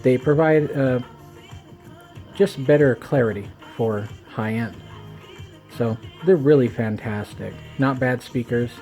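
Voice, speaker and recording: A man gives a casual, rambling gear review in a mellow, relaxed voice with toothless, slightly slurred speech. He comes across as wry, irreverent and self-deprecating, and faint music plays behind him. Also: mid-range voice, slow. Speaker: home audio reviewer.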